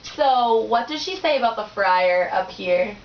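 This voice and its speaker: A woman's voice: mid-range voice, animated, unhurried, a little hiss or hum. A young woman tutoring, chatty and encouraging, with many likes and ums. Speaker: tutor leading a discussion. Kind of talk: casual teaching conversation. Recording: roomy dull lo-fi recording.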